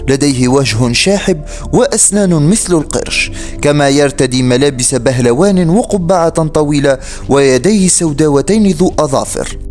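A man's voice: fairly high pitch, darkish tone. A man reading a scripted horror story as its narrator. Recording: faint music behind the voice. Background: music.

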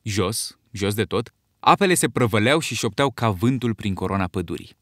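A man reading an audiobook in a measured, steady storytelling voice. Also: on the low side, no room sound, studio quality. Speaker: audiobook narrator. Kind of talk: scripted narration.

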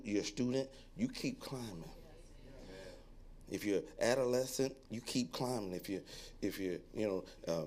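A male pastor preaching a sermon in an animated, joking way, acting out onlookers' voices and then dropping to a quiet tone to exhort. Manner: drops to a low, quiet tone when reading and exhorting.

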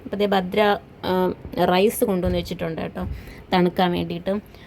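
A woman's voice: on the low side, flat delivery, brisk, gravelly, darkish tone, slight background noise. A woman, chatting casually in a home family vlog as a mother, tagging her sentences with a friendly "kettō". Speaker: vlogger, mother.

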